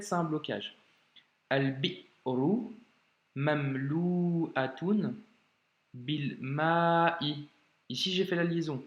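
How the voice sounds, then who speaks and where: A man teaching Arabic reading in an informal video lesson, speaking directly and encouragingly to the learner and slowly sounding out each word. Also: fairly high pitch, echoey room, lo-fi sound. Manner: slows down to sound out words carefully.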